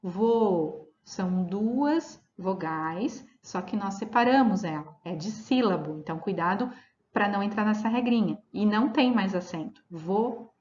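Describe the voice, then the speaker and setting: Woman teacher, mid-pitched, patient explainer checking in often; echoey room, muffled low-fi audio. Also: a little mellow. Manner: explanatory, checks in with "tá?" and "né?", spells out examples slowly. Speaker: Portuguese teacher. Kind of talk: recorded grammar lesson. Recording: roomy, dull lo-fi audio.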